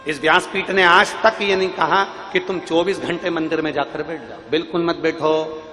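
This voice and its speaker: Bright-voiced preacher in echoing hall. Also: male voice, fairly high pitch, fairly even intonation, moderate pace. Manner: emphatic, repetitive, switching to sung lines. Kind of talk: devotional sermon with sung verses. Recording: long hall reverb with faint music.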